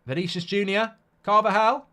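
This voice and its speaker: This is a British man hosting a live football watchalong, with a slightly croaky, congested voice. He combines casual commentary and blunt, jokey replies to the chat, speaking high and pushed and bright, with a steady tone at a moderate pace.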